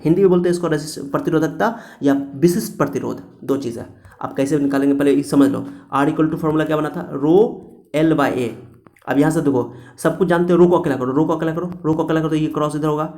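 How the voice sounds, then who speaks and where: A man's voice: a little high, darkish tone. A man teaching a physics lecture to students, repeating key points and asking and answering his own questions. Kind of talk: classroom-style lecture to students.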